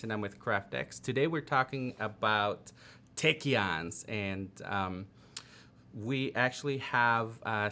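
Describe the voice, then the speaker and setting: A man in his thirties hosting an interview over a video call, easygoing and quick to laugh, speaking through headphones with a mic in a room with a plain wall. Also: fairly low pitch, pushed and bright. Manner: easygoing, laughs often, prompts with short replies. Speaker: interview host. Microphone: over-ear headphones with mic on a video call.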